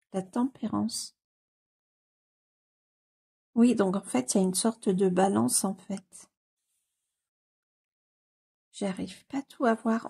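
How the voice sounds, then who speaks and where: A woman with a cold, a coloring book YouTuber, leafs through a book while offering casual, gushing commentary, often pausing on fillers and repeating her delight. Her mid-range voice is creaky and warm with a breathy edge.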